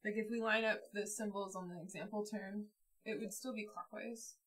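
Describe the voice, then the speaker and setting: Bright chatty woman at a board game table. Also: mid-range voice, fairly even intonation, moderate pace. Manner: chatty, thinks aloud while playing. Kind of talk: casual board game chat.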